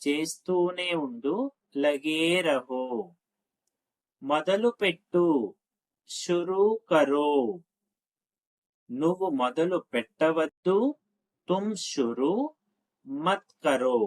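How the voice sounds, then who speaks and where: Telugu-speaking male language teacher, slow deliberate drill delivery, slightly high voice. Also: poor audio. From Telugu-speaking India. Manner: repeats phrases slowly, quick asides in between. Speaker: Hindi teacher. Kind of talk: spoken language lesson, slow drill phrases.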